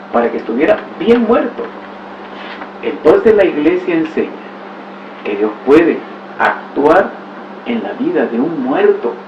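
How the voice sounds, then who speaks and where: Higher-voiced man teaching in an echoey room. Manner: storytelling with exclamations and rhetorical asides. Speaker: catechist. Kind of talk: religious teaching talk. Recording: roomy, distant, dull recording with faint hiss.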